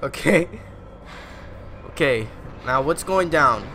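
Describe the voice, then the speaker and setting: A man in his twenties playing a story game, reacting in a jumpy, excitable way and shouting at the screen. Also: a little high, slow, background noise. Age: 20s. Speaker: let's play gamer. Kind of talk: reacting to gameplay.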